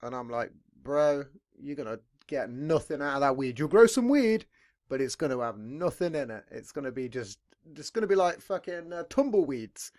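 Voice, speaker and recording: A man's voice: mid-range voice, animated, normal speed, a little mellow. A young British man hosting a casual podcast from a dim room at home on a headset mic, rambling and swearing freely. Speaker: podcast host. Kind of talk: casual chat.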